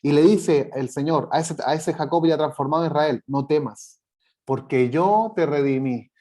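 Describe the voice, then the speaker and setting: A male preacher delivers a sermon in a slightly raised, mellow voice. He reads scripture slowly with weight on each phrase, then talks it through in looping repetitions, keeping the congregation with him by asking whether they agree. The tone is warm and unhurried. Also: fairly high pitch. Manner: repeats phrases and keeps asking "right?" of the congregation. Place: church service.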